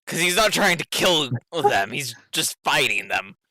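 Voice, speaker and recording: A man acting as game master, narrating a casual tabletop game in a halting way, thinking aloud as he goes. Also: a little high, big pitch swings, vocal fry, bright, forceful tone, no room sound, rough recording.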